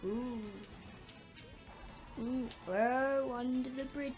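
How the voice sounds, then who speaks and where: A woman's voice: high-pitched, steady tone, extremely slow, darkish tone. A woman hosting a gaming video, giving playful kart racing commentary full of exclamations, oohs and little vocal sound effects. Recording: game music under the voice. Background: video game music.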